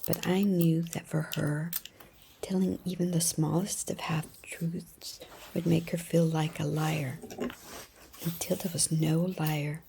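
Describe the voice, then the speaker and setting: Woman, soft ASMR whisper close to the ear, slow and soothing, low and grainy. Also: flat delivery, vocal fry, a little hiss or hum, rough recording. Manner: soft unvoiced whisper throughout. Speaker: ASMR storyteller. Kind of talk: whispered ASMR bedtime story and roleplay. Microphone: close mic, whispering near the ear.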